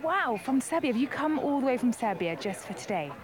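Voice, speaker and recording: A woman's voice: high voice, sing-song, brisk. A woman reporter interviewing a fan outdoors at a tennis ground, upbeat and friendly. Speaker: roving reporter. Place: outdoors at a busy tennis venue. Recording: crowd noise around the reporter.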